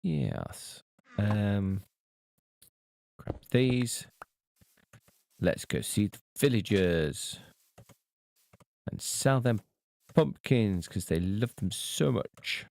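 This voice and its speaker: A man casually talking to himself while playing a video game, relaxed and unhurried. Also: lowish voice, creaky. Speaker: gameplay video host. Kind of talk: casual gameplay commentary.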